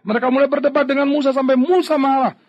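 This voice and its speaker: A pastor preaching a sermon, emphatic, swinging between loud stresses and hushed asides as he addresses the congregation. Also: very high voice, steady tone, fast talker, highs cut off.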